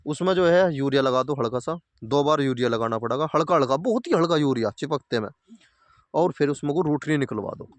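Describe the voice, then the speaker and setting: A mid-range male voice, recorded dry, belongs to a farming video host talking casually out by his fields. Plain-spoken and repetitive, he offers advice to viewers he calls his farmer brothers.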